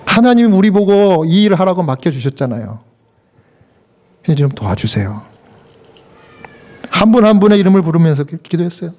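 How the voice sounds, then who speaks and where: A man with a high voice preaches a sermon with deep feeling. He talks straight to his congregation and asks them questions. His pitch leaps sharply in his most stirring moments. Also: animated, fast talker, few pauses, a little mellow. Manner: emotional preaching with sudden pitch leaps and acted quotes. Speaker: pastor.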